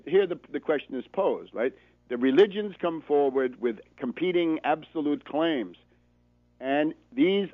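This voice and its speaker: An American man with a fairly high voice delivers political radio commentary as if lecturing, emphatic and didactic, driving his points home through insistent repetition and frequent checks of "right?" The audio is dry and narrow, like a phone line.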